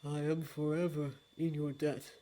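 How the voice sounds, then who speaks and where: A woman reading the part of a solemn immortal male lord of dreams, in a grave, formal, hushed manner. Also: low voice, level tone, a little slow, voice pushed down.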